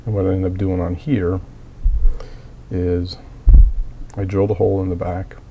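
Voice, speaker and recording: A miniature hobbyist with a low, warm voice talks through a hobby build in a casual tutorial, plainly and methodically, at a moderate pace with flat delivery. He is getting over a cold and coughs now and then, using frequent fillers. The audio is dull, with slight background noise.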